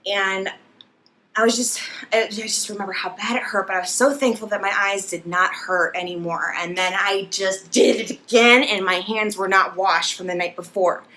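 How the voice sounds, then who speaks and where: A young woman vlogger telling an embarrassing story to camera, animated and laughing as she acts it out. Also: medium pitch.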